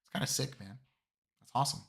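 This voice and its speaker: A man hosting a live stream, with a voice still raspy from a cold, chatting upbeat and casual with his viewers. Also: fast talker, fairly bright tone. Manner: upbeat, talks to chat. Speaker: streamer host.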